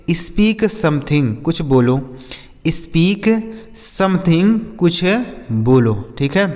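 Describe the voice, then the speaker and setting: Slow, patient male Hindi teacher. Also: on the high side, darkish tone, in a large hall. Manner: spells words letter by letter and repeats each example twice; addresses viewers as children. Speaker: English teacher. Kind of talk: slow spelling-and-translation lesson for children.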